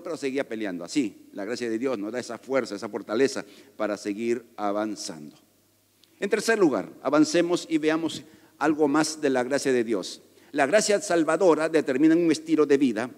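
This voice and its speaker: Emphatic pastor in a reverberant church. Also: male voice, a little high. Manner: emphatic and conversational, with joking asides to the congregation. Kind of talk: sermon. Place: church sanctuary.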